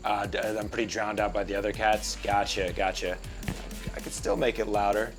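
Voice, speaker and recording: A man with a fairly low voice commentates a virtual tabletop battle in a relaxed, chatty way. He speaks into a desk mic, with music playing clearly in the background. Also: normal speed. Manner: relaxed, chatty, checks his mic levels aloud. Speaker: stream host and commentator. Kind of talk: casual game commentary. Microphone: desk mic at his computer.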